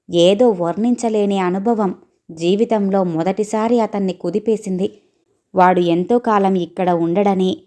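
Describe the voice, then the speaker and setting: A woman storyteller reading an audio story aloud in a steady, expressive way. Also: mid-range voice.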